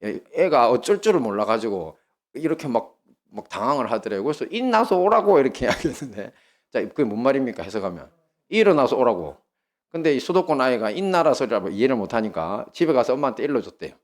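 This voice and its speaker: A male pastor preaches with a Gyeongsang Korean accent, his pitch medium and his delivery fast. He tells lively stories and keeps asking the congregation questions.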